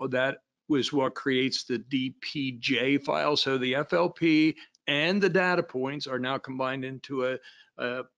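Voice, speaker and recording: A man's voice: mid-range voice, a bit bright. A man giving a technical training walkthrough over slides, in a plain explanatory way with frequent fillers and restarts. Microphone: voice-over on screen recording.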